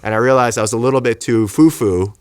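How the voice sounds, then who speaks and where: A man's voice: medium pitch, fast talker, clear, resonant tone, no room sound, clean studio sound. A man, a physician, tells a story in casual conversation and acts out the quotes in it. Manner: animated, acts out quotes, many restarts. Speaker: physician guest.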